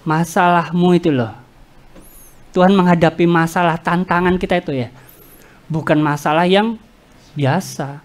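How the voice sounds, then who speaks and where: A woman pastor giving a lively church sermon in an Indonesian accent with East Javanese slang, joking with the congregation and acting out quoted voices. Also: fairly low pitch, moderate pace, long pauses. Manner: animated, jokey, addresses the congregation directly; acts out congregants' complaints and God's words in quoted voices.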